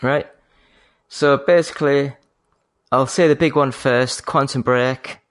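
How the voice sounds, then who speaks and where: A Yorkshire-accented man hosts a laid-back gaming podcast, keeping his voice calm and courteous rather than loud. His voice sits at a middling pitch, recorded close and dry with no room sound. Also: no echo. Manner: polite, measured phone-trained manner. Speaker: podcast host. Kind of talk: casual gaming podcast chat.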